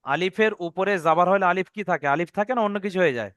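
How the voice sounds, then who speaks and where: A man's voice: high voice, very fast, fairly bright tone, no room sound, studio quality. A man teaching Quran recitation rules in an online lesson, patiently repeating each rule and checking that his students follow.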